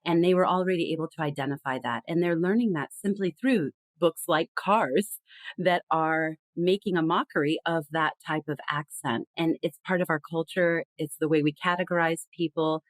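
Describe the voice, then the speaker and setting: In a conversational podcast interview, a woman guest with a low-pitched voice discusses communication at a normal speed, telling stories emphatically, expressively, and with liveliness. No room sound is present, and the audio is poor.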